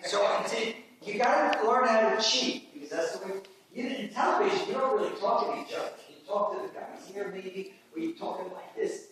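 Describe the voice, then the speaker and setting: A man's voice: high-pitched, expressive, fairly quick, fairly bright tone. A man directing actors at a rehearsal, encouraging and hands-on, often repeating himself. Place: rehearsal stage. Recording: echoey room from far off, background noise.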